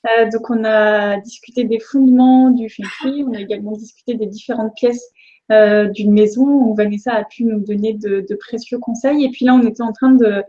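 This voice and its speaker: A woman's voice: fairly high pitch, steady tone, moderate pace, mellow. A woman hosts a live interview, accommodating her guest and recapping for the audience. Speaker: interviewer and host. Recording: slightly muffled lo-fi sound.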